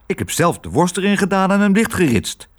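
A man voicing a gruff, short-tempered father in a storybook reading, a little lower than his own voice. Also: sing-song, a little fast.

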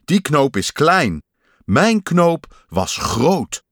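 A fussy little male creature from a storybook, complaining about his lost button, as a man puts him on. He stretches out his words slowly and his pitch swings about a lot. The sound is dry and close. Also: big pitch swings, fairly bright tone, no room sound, exaggerated voice. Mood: grumbling. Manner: complaining, slow insistent emphasis. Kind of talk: storybook voice acting.

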